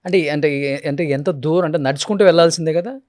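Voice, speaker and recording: A man, an interviewer asking quick, short prompting questions. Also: fairly high pitch, a little mellow, no echo, studio quality.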